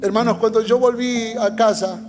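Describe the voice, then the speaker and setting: A man's voice: high voice, steady tone, moderate pace. A man preaching a sermon as pastor, fervent and urging, sharing his testimony. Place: church hall. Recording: long hall reverb with faint music.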